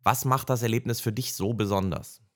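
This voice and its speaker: A man hosting a podcast who translates his guest's answers line by line in a steady, plain way. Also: fairly low pitch, fairly quick. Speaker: podcast host and interpreter. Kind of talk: podcast interview with German interpretation.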